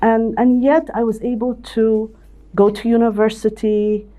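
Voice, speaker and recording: An older Ethiopian woman who is CEO and managing director of a company tells her life story as an interview guest, often restarting and repeating words. Her voice is a little high and mellow, with flat delivery and a measured pace.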